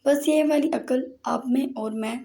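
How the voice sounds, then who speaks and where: A woman's voice: high-pitched, measured pace, creaky, dark tone. A woman voicing a mischievous, teasing young man in an audiobook novel, with a playful manner.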